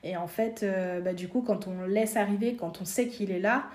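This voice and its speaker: A woman's voice: medium pitch, moderate pace, a little mellow, echoey room. A woman guest in a casual interview, explaining her craft with many fillers and restarts. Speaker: guest, seamstress and designer.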